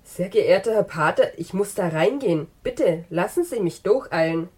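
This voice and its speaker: A woman voicing a polite elderly gentleman who speaks in stiff, formal phrases. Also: on the low side, animated, normal speed, husky. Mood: pleading.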